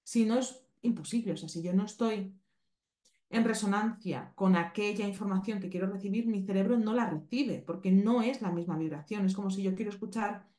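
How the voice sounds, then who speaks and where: A woman's voice: mid-range voice, brisk, mellow. Spanish woman from spain teaching on a podcast, explains stuff step by step, keeps checking in, echoey room. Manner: explanatory, checks in with listeners often. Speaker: animal communication teacher. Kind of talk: podcast lesson. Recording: roomy echo.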